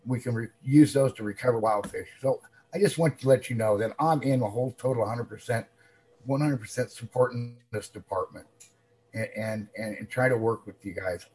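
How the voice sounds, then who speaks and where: A man giving a public comment at a meeting, upset and halting, repeating words as he speaks over a remote call. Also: medium pitch, a little mellow, husky, poor audio. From Washington State.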